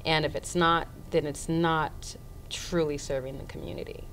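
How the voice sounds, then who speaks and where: A woman from Florida with a Haitian family, a stage actor talking casually in an interview and pausing often with many ums. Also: sits low, steady tone, fairly bright tone, slight background noise, low-quality recording. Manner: hesitant, many ums, idealistic.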